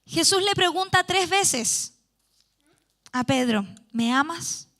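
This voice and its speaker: A woman's voice: very high voice, expressive, slow, fairly bright tone. A woman preaching a youth sermon in church, reading scripture aloud and explaining it earnestly. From Chile.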